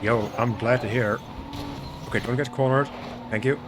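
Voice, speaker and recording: A German man with a light accent streams a racing game, relaxed and chatty as he greets and thanks viewers in casual commentary to chat. His medium-pitched voice runs at normal speed, with loud game engine and traffic noise behind it.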